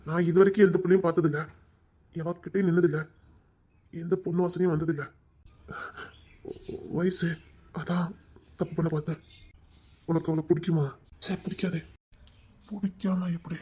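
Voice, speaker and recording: A man playing a high-voiced, hot-tempered young villager. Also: fairly even intonation, normal speed, pauses often, mellow, slightly rough, lo-fi sound. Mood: ashamed, frantic. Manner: agitated, self-reproaching outbursts. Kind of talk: village drama acting.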